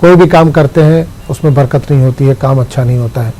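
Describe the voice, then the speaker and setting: A man hosting a television call-in show, greeting callers politely and briskly repeating their details before passing their questions on. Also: medium pitch, dark tone, slight background noise, low-quality recording. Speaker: host of a call-in religious show.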